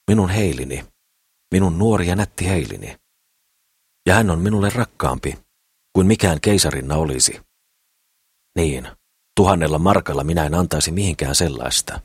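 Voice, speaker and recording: A man voicing a boastful, excitable crippled builder in an audiobook, eager and full of himself. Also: a bass voice, slightly rough, no room sound, studio quality, full character voice. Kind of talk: audiobook character voice.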